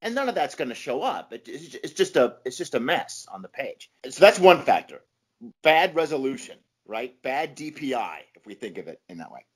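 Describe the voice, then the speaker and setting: A man's voice: medium pitch, sing-song, normal speed, husky. A man speaking informally as an expert podcast guest, explaining with emphasis and often checking in with a questioning tag. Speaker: podcast guest, comics scholar and author. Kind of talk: informal explanatory interview talk.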